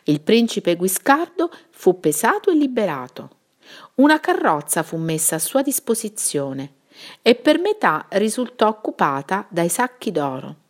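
Expressive woman reading a bedtime story. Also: medium pitch, a little slow. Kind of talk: children's story read-aloud.

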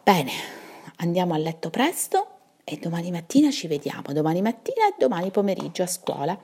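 Woman teacher telling a bedtime story, kinda low voice, really animated. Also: fairly quick, slightly rough. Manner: expressive, lively storytelling. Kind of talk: storybook reading.

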